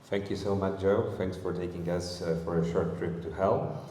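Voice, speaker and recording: A man hosting a convention panel, friendly and halting with many fillers. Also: low voice, steady tone, warm tone. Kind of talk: convention stage presentation. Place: convention hall stage. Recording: roomy echo, long hall reverb, faint hall noise.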